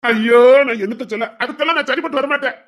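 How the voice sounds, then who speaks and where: A man's voice: extremely high pitch, fairly bright tone, heavily acted. A man playing a cheeky young village man, who whines and protests his excuses. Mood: protesting. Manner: whining, protesting, rapid excuses.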